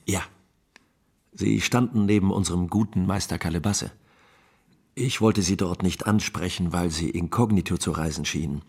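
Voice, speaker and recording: In a German radio drama, an actor portrays a friendly, talkative captain of the imperial guard who is chatty, polite and persuasive. The male voice is low and husky, delivered at a normal speed.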